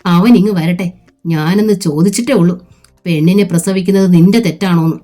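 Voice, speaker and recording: A woman's voice: on the low side, fairly quick, warm tone, close to an everyday voice. A woman reading a novel aloud, voicing a fierce, protective elder sister who scolds firmly. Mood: scolding.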